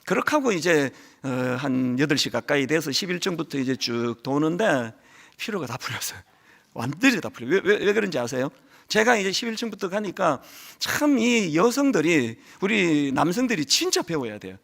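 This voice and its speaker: A man's voice: fairly high pitch, moderate pace, creaky. A middle-aged male pastor preaching a sermon, telling stories animatedly and acting out quotes, with a lingering cold. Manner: animated storytelling with acted quotes.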